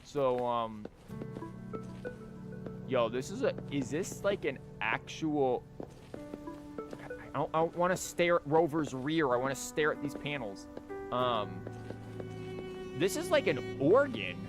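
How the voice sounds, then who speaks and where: This livestreaming gamer has a medium-pitched, sing-song voice, taking it slowly and pausing often. He chats casually over game music, tossing in jokes and rambling asides and reading the dialogue aloud.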